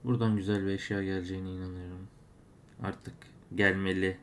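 A man with a deep voice narrates his case openings live as he plays, grumbling and exclaiming in frustration each time he loses. He speaks fairly quickly in a level tone over a little hiss or hum.

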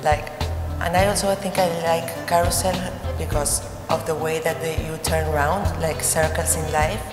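Low, flat-voiced woman with Argentine accent. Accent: Argentine Spanish. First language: Spanish. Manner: halting, searching for words. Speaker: artist. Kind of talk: explaining her artworks. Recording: roomy gallery echo with music.

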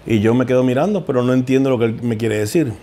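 A man's voice: mid-range voice, quick pace, warm tone, a little hiss or hum. A middle-aged man, an equine veterinarian, telling heartfelt stories in an interview. He often repeats words as he searches for them. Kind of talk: emotional interview storytelling.

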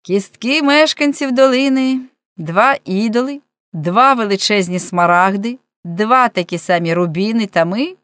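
Audiobook narrator, female, expressive storytelling, dead-dry close mic. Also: medium pitch, unhurried, no echo.

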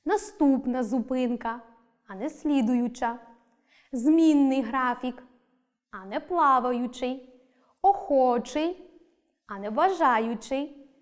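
A woman teacher reading a scripted lesson, clear and deliberate, stressing each example word. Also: high voice.

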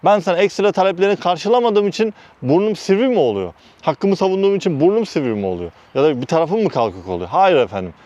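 Man, from Turkey, casual vlog storytelling, lively swooping intonation, blunt, heated. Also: high voice, fast, hardly any pauses, no room sound, lo-fi sound. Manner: heated, animated retelling with constant "dedim" between quoted phrases; blunt, uses mild swearing. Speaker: vlogger recounting work experiences.

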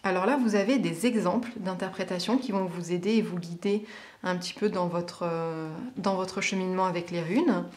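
A woman's voice: lowish voice, normal speed, a little mellow. A woman who reads tarot, giving a casual on-camera product review, chatty and hesitant with many filler sounds. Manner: reads passages aloud from a booklet. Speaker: tarot reader and teacher.

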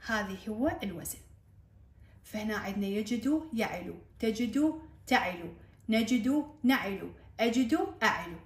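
A woman with an Iraqi accent, explaining a grammar lesson to students, repeating key points and asking whether it is clear. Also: medium pitch, animated, moderate pace, roomy sound. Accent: Iraqi Arabic. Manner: repeats key points, checks understanding with questions. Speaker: Arabic grammar teacher. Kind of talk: classroom-style lesson explanation.

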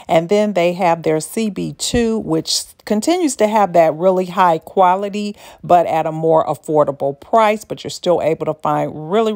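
An older woman with a low voice and a gravelly edge talks her way through a furniture outlet. Her narration is casual and homespun, full of folksy asides, as if shared with a friend. It is picked up on a handheld phone while she walks. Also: a little mellow. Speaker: shopping vlogger.

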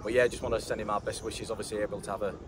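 A man, a football manager giving a post-match interview in a measured way, often saying "obviously" and restarting his phrases. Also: lowish voice, little pitch movement. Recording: loud outdoor noise with traffic.

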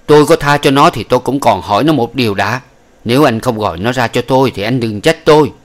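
A man reading an audiobook, voicing a fierce old woman who scolds harshly and shouts. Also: mid-range voice, fast, pitched above the performer's own voice, close to an everyday voice. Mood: furious scolding. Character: fierce old woman, the family's stern aunt. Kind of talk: audiobook character voice.

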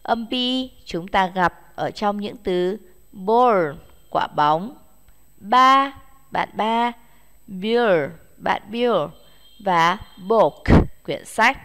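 A woman teaching English to young children in slow, patient steps, with a Vietnamese accent, saying each word twice. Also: mid-range voice, long reverb tail.

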